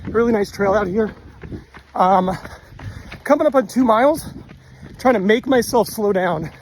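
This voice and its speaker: Running outdoors on a trail, a man chats casually to a handheld phone in vlog style, sounding effortful. His voice is high-pitched and his pace measured, with slight background noise and poor audio.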